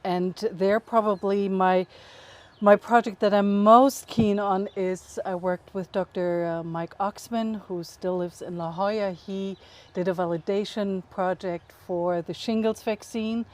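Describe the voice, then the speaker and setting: A middle-aged woman from Germany with a German accent, answering interview questions upbeat and quick to laugh. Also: mid-range voice, steady tone, darkish tone. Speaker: guest, nonprofit CEO.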